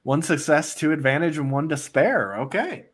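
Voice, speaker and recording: A man narrating as the game master of a tabletop game, relaxed and rambling with many fillers. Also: on the high side, normal speed, a little hiss or hum.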